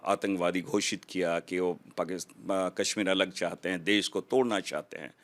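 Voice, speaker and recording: A man, a member of parliament, answering an interview question deliberately, with hesitant fillers. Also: fairly low pitch.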